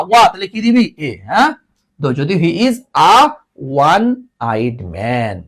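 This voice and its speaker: A man teaching an English grammar lesson to students, mixing English and Bengali with a Bangladeshi Bengali accent and teasing the class. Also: high-pitched.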